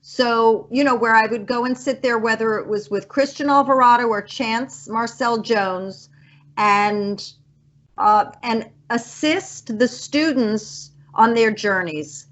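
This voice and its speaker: A woman in her fifties, a resident psychic on a college radio show, speaking slowly and earnestly in a heartfelt, rambling farewell chat. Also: fairly high pitch, fairly bright tone, dull audio. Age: 50s. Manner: slow, earnest, emotional and rambling.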